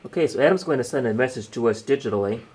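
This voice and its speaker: A very fast talker with lively intonation and a mid-range voice, this man presents a casual hands-on demo, narrating every step. He participates in the exercise and presents it from a small indoor radio desk. Faint room noise can be heard.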